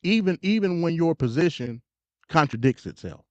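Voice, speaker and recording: On a dull, lo-fi live stream with a dry recording, an American man delivers casual, opinionated political commentary. His voice is a little high and animated at a moderate pace, and his manner is emphatic, slangy and conversational, full of repetition and stutters.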